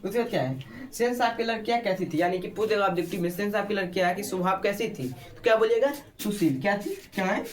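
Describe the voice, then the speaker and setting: A man's voice: high-pitched, fast talker. A man with a Bihari Hindi accent teaching an exam-prep lesson. He keeps asking short questions and repeating the answers for his students. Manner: repeats answers, quizzes listeners.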